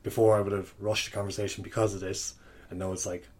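A man of thirty speaks in a fairly low voice with a strong west of Ireland accent from Kerry. He rambles candidly in casual podcast chat, with noticeable noise behind him. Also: flat delivery, quick pace, darkish tone. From County Kerry, Ireland. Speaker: podcast guest, sports coach.

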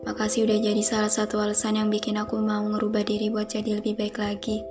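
A young woman hosting a podcast, speaking a slow, soft and heartfelt reflective monologue. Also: medium pitch, completely flat delivery. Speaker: podcast host. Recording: music playing behind the voice.

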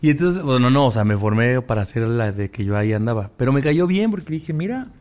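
A man's voice: medium pitch, animated, fast talker, a little mellow, clear, resonant tone. Rambling storyteller man with a Mexican accent. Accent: Mexican Spanish. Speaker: podcast co-host. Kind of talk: casual storytelling chat.

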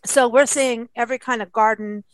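A woman's voice: on the high side, steady tone, a little fast, no echo. A woman from South Africa co-hosting a video call interview, playful and jokey. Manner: playful and jokey, laughing often. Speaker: co-host. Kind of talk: casual interview chat.

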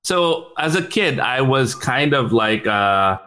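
A Filipino man, a startup executive guesting on a podcast, chats casually in interview style at a mid pitch. He speaks fast, laughs a lot, stumbles over repeated words and mixes into his English. His intonation is lively, pushed and bright.

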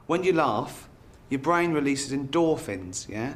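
An actor playing an awkward middle-aged office boss posing as a motivational speaker, with forced cheerfulness and fake laughter. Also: male voice, mid-range voice, lively intonation, slight background noise, lightly acted. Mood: forced cheer.

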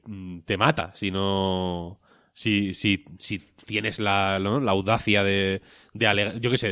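A man in his thirties, speaking in casual podcast chat. His voice sits low and he rambles, mocks himself and swears freely. The sound is dry and close. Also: fairly bright tone, dry recording.

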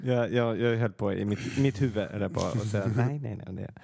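A man's voice: on the low side, gravelly, warm tone, slightly rough, no room sound, clean studio sound. A man co-hosting a podcast in casual chat, telling anecdotes and often laughing. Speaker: podcast co-host.

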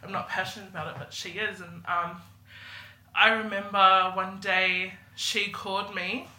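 Young woman from New Zealand, bright sharp voice, giggly casual chat, echoey room. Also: medium pitch, measured pace. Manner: giggly, relaxed storyteller. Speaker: podcast guest.

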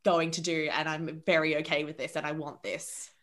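A woman's voice: deep voice, little pitch movement, moderate pace. A woman hosting a casual interview, asking rambling questions and agreeing often. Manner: encouraging, many agreeing murmurs. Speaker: podcast host.

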